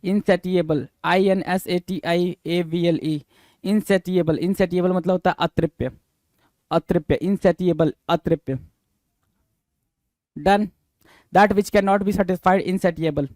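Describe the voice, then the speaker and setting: A male teacher leading an exam-prep vocabulary lesson. He reads English definitions slowly, explains them in quick Hindi, spells each word letter by letter and repeats the answers. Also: high-pitched, steady tone, darkish tone, no room sound. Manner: spells words letter by letter, repeats answers, calls students bhai.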